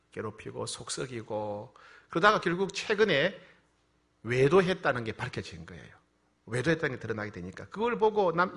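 A man's voice: on the high side, sharp tone. A man preaching a sermon, telling a story and acting out prayers with rising passion. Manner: storytelling with acted prayers, rising to impassioned pleading. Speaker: pastor.

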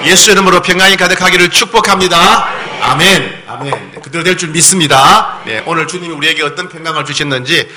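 A man preaching a sermon as pastor. He keeps asking the congregation questions, reads scripture slowly and solemnly, and acts out the voices in the story. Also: on the high side, background noise. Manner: animated, often asks the congregation questions; slow, solemn scripture reading.

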